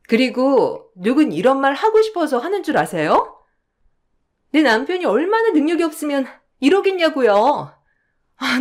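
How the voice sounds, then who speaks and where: Woman doing a whiny entitled young sister-in-law. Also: a little mellow. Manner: high, whiny, petulant.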